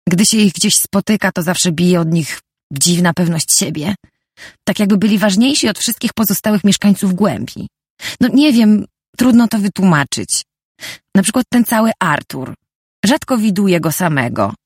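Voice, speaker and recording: A woman reading an audiobook, voicing the narrator's protective, bossy female friend with a slightly higher, insistent voice. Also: lively intonation, moderate pace, darkish tone, slightly rough, dry recording, clean studio sound. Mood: gossiping. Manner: insistent, warning tone.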